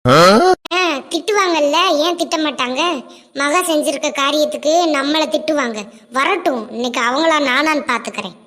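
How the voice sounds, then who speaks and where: A woman's voice: high voice, expressive, moderate pace. A woman voicing an indignant, hot-tempered young sister-in-law in a cartoon. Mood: angry. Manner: sharp, indignant.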